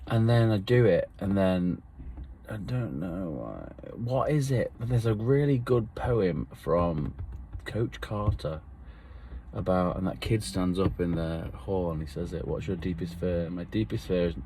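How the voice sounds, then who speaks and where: A low-pitched man in his thirties muses aloud, drifting from thought to thought and letting sentences fade out softly. A faint hiss of room noise sits behind him. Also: lively intonation, slow pace. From England. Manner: meandering, reflective, trails off softly. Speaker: vlogger. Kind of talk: rambling solo monologue.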